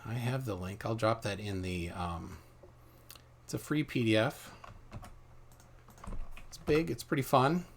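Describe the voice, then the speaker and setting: A man hosting a live stream, joking and casual, trailing off while working his software. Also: fairly low pitch, expressive, measured pace, gravelly, pauses often, slight background noise. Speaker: show host.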